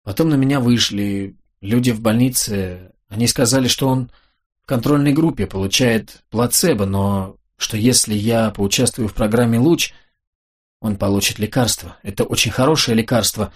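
A man's voice: mid-range voice, normal speed, husky, natural voice. A man doing a trembling, frightened young woman. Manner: trembling, speeding up.

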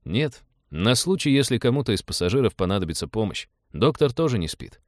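Мужчина, читающий реплики спокойного немногословного молодого пилота корабля, говорит ровно и бесстрастно. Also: male voice, medium pitch, fairly quick, no echo, studio quality, voice pushed up, close to an everyday voice. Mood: calm. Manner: flat, terse, unemotional. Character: calm laconic young male ship pilot.

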